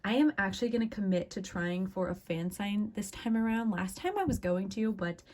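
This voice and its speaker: A woman's voice: medium pitch, expressive, normal speed, a little mellow. A young woman in casual chat, upbeat and chatty with lots of fillers, recovering from a cough, talking at her desk at home. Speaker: vlogger.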